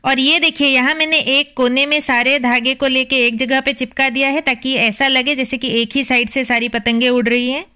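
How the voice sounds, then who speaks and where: A woman's voice: high voice, level tone, normal speed, hardly any pauses, pushed and bright. A woman in her thirties giving a chatty, cheerful tour of her small apartment balcony garden, slipping English words into her speech. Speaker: home decor vlogger. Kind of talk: casual video tour narration. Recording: slightly distant camera mic, faint outdoor ambience.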